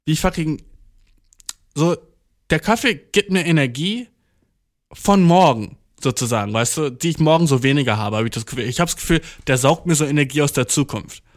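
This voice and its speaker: A man's voice: a little high, expressive, normal speed. A man delivering a rambling comedic monologue, swearing constantly and mixing English slang into his talk, self-mocking and over-caffeinated. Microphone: audio-only recording.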